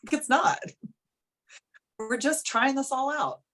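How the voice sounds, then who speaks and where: A woman's voice: sits high, slow, fairly bright tone. A woman in her thirties, a life coach talking frankly and casually on a live coaching call, full of "like" and the odd swear word.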